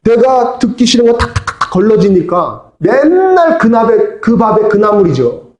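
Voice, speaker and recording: A man's voice: sits high, big pitch swings, moderate pace, darkish tone. A man preaching as pastor to his congregation, asking them to repeat after him and answer back. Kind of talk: sermon. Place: church sanctuary. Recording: echoey church hall.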